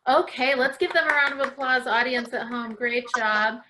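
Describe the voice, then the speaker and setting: A dance class host leads children's stretches in a live lesson for viewers at home, encouraging them and praising them often. Her voice is fairly high and her pace moderate, with background noise audible.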